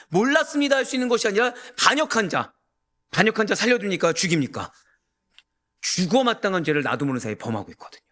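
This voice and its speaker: This pastor's voice sits high as he preaches emphatically, firing rhetorical questions at the congregation and building to near-shouts.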